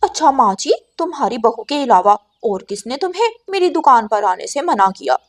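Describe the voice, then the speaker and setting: A woman voicing a crafty, bossy female crow shopkeeper in a cartoon who scolds and threatens loudly. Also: fairly high pitch, sing-song, moderate pace. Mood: sly.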